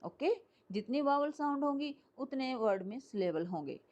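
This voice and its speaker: A woman's voice: high-pitched, animated, moderate pace, darkish tone, dull audio. A woman giving a lecture to a class, explaining step by step and often checking whether students follow. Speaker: English teacher. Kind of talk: classroom lecture mixing Hindi and English.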